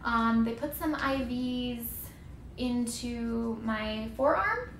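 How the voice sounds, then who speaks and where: A woman's voice: a little high, takes it slowly, fairly bright tone, roomy sound, slight background noise, poor audio. A woman in her twenties telling a personal story in a casual, chatty, rambling way, often interrupting herself and exaggerating for effect. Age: 20s. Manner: chatty, rambling, self-interrupting, given to hyperbole.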